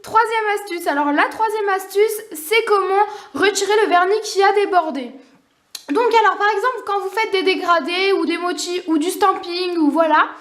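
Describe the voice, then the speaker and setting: A young woman giving a casual, unscripted nail art tutorial, talking quickly with many fillers and apologies. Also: very high-pitched. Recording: echoey room.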